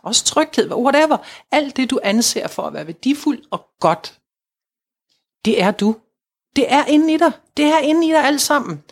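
A woman's voice: high-pitched, lively intonation. Earnest woman coaxing spiritual talk. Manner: earnest, repetitive, coaxing, acts out inner voices. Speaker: spiritual guide. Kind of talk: casual spiritual conversation.

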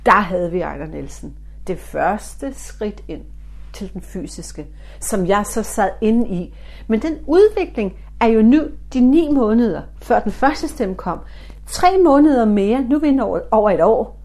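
A middle-aged woman from Denmark, a spiritualist medium, telling a story in an animated way and acting out the dialogue in different voices. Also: medium pitch. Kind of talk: storytelling talk.

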